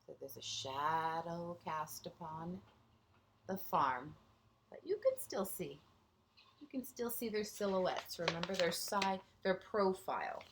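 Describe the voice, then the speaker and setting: A woman teacher reads a picture book aloud to young children, pausing gently for chatty asides and questions to her listeners. Her voice is fairly low, and there's a little hiss or hum in the background.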